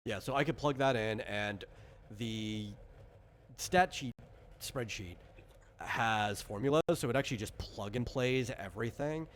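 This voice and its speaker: A game designer guides character creation in casual chat, explaining things and often checking in with "right?". His medium-pitched male voice moves at a measured pace, with a little hiss or hum in the audio.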